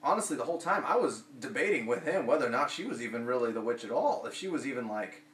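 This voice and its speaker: A man's voice: mid-range voice, animated, fast talker, fairly bright tone. Rambling male film reviewer in an echoey room. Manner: rambling, many fillers and restarts. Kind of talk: casual film review chat. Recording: roomy, distant mic, faint hum.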